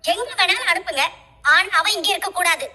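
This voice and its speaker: A woman voicing a shrill, frightened mother. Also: animated, moderate pace, pushed and bright, exaggerated voice. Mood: pleading. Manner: pleading, shrill and demanding. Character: superstitious middle-aged mother, frightened and insistent. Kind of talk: dramatic serial dialogue retelling. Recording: long reverberant echo.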